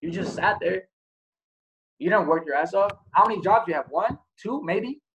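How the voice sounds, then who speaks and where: A man's voice: high voice, expressive, moderate pace, background noise. A man giving a casual motivational talk as host, blunt and profane, asking many rhetorical questions. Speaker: podcast host.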